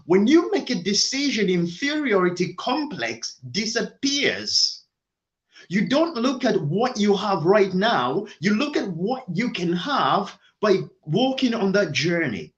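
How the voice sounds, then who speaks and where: Speaking slowly, a motivational speaker drives home each point in a high, animated voice that rises and falls. He is emphatic and repeats his key phrases, often saying important lines twice. The audio is dull and lo-fi.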